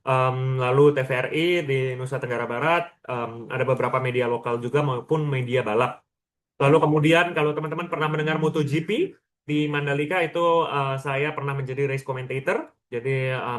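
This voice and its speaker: This man from Lombok, Indonesia, is an education practitioner giving an informal webinar talk online. His voice is mid-range and a bit bright, and his conversational style keeps checking in with listeners through questions and tags.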